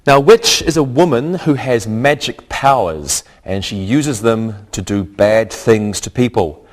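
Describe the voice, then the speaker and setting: A man teaching a scripted English lesson, speaking deliberately and repeating each word for learners. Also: medium pitch.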